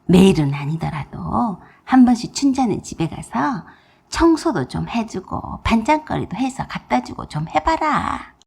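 A woman's voice: mid-range voice, big pitch swings, unhurried, gravelly, a little mellow, husky, full character voice. A woman doing a bossy scornful mother-in-law. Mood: nagging. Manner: nagging, contemptuous, blunt.

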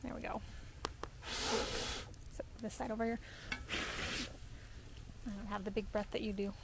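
A woman's voice: mid-range voice, flat delivery, a little slow, creaky, heavy background noise. A woman co-hosting a casual farm cooking vlog outdoors, chatty and practical, laughing easily. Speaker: farm vlogger co-host. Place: outdoors by a fire pit on a farm.

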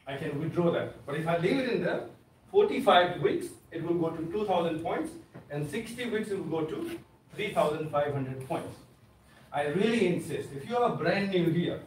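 Insistent male presenter in an echoey room. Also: fairly high pitch. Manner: insistent, persuasive. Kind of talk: sales presentation to a seated audience. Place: meeting room with a seated audience, indoors. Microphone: far camera, no mic seen. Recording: echoey room from far off, faint noise.

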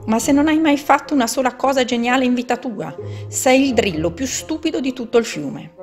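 A woman voicing a smaller, contrary crocodile who only eats fish and scolds the other, in a storybook reading with soft music behind. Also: high voice, animated, a little fast, pitched above the performer's own voice. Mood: scolding.

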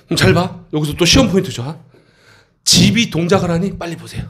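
A male teacher with a high, animated, somewhat bright voice covers an English textbook passage with his middle school students, often stopping to ask them quick questions.

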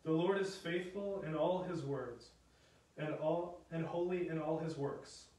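A man's voice: on the high side, dark tone. Man reading scripture in cathedral echo. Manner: measured, solemn proclamation. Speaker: lector. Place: large church. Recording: echoey cathedral from far off.

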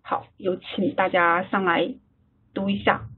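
A woman leading an online study-group lesson, slowly repeating English phrases for the group to drill. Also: mid-range voice, flat delivery, breathy edge. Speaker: English class leader. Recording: phone-like online call audio.

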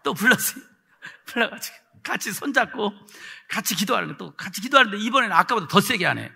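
A man preaching as a pastor, telling a story with acted-out voices, swinging from shouts to a near hush. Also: high voice, sing-song, fast talker, creaky, breathy edge. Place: church hall. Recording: hall reverb.

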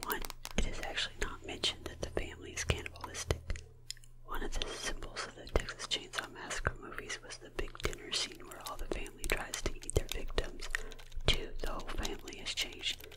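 Female ASMR reviewer, fast and aggressive whisper, scripted delivery, slightly distant from the mic with tapping and clicking behind. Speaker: ASMR video host and film reviewer. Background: tapping and clicking on plastic objects.

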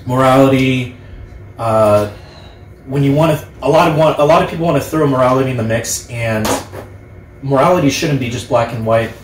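A young man in his twenties chatting casually as host, earnest and halting in the way he talks. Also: medium pitch. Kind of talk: casual group chat. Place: living room, on a couch. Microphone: distant camera microphone. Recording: roomy, distant camera mic, background noise.

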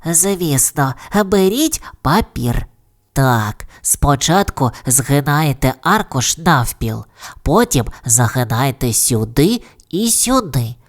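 A gentle panda girl, played by a woman, explains things slowly and patiently. Her voice is softly lifted and lively. She is a storybook character for small children. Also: extremely low pitch, full character voice. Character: patient, crafty young female panda.

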